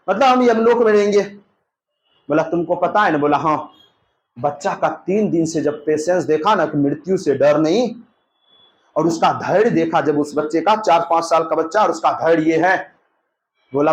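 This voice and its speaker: Man, teacher, storytelling lesson, acts out dialogue, high voice. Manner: lively storytelling, acting out dialogue with asides to students. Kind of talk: exam-prep history lesson told as a story.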